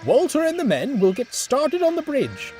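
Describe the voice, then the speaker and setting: A man's voice: very high voice, wildly swooping pitch, normal speed, music in the background, pitched above the performer's own voice, full character voice. A man voicing an agitated, stern railway boss in a children's story, giving orders in an urgent, exclamatory way. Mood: urgent, commanding.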